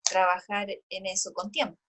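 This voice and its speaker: A woman's voice: mid-range voice, level tone, moderate pace, background noise. Woman sharing a workplace example. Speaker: training participant. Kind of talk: casual discussion.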